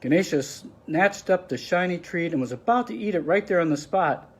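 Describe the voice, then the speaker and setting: A man's voice: high-pitched, expressive, normal speed, slightly rough. A man reading a picture book aloud to children, explaining the pictures with friendly asides. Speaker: storybook reader.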